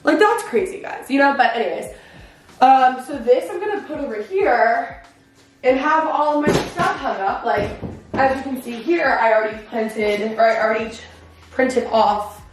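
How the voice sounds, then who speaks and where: A woman's voice: sits high, lively intonation, moderate pace, faint music behind. Chatty woman vlogging in an echoey garage. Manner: chatty, filler-heavy, self-mocking. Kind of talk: casual vlog chat. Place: home garage.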